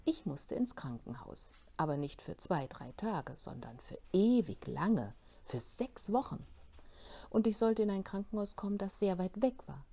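A woman bookseller presenting a children's book and reading it aloud in a bookshop, with animated storytelling. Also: medium pitch, unhurried, gravelly.

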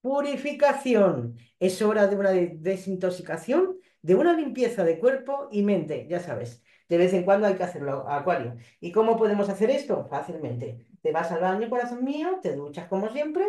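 A woman from reads tarot cards in a casual, chatty way, circling back over her own phrases and calling the listener sweetheart. Her voice sits at a middle pitch with a mellow, unforced tone. The recording carries a roomy echo. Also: sing-song, normal speed, few pauses. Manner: chatty, repeats phrases, affectionate asides to the listener. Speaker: tarot reader. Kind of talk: casual tarot reading to viewers.

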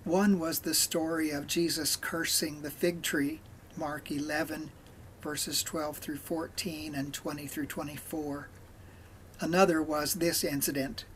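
A man leading a morning devotional, reading scripture aloud in a measured way with pauses. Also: on the high side, slight background noise. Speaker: devotional leader.

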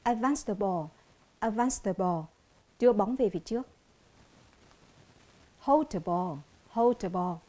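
Vietnamese woman, TV English teacher, warm mellow voice, slow clear drilling of each word. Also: mid-range voice, lively intonation. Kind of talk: televised classroom lesson.

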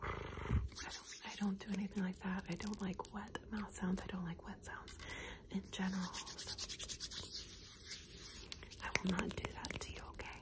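A woman whispering gently and reassuringly through an ASMR video, speaking directly to the listener as if fixing their hair. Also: mid-range voice, level tone, moderate pace, pauses often. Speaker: ASMR creator. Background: passing car.

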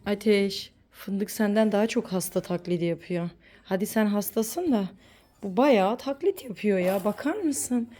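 A woman's voice: mid-range voice, unhurried, mellow. A mother talking playfully with her sick young son, coaxing and sing-song. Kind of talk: casual play with a child.

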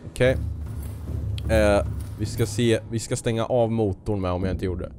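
A man's voice: fairly low pitch, noisy background. A man hosting a let's play, full of jumpy nervous exclamations, joking and muttering to himself and talking back at the game's creatures. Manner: excitable and jumpy, sudden nervous outbursts and exclamations; talks to the game creatures, jokes and mutters to himself. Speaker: gaming video host.

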